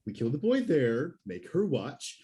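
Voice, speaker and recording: A man's voice: mid-range voice, huge pitch swings, unhurried, mellow. A man playing a big, dim, whiny henchman with a petulant, bullying manner in a sci-fi comedy spoof.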